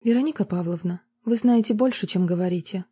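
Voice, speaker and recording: Woman reading a tense grown woman, coldly controlled, mellow husky tone, storybook. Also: mid-range voice, brisk, natural voice. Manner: controlled, cold, holding back fury. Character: Marina, a tense adult woman fighting for a foster girl.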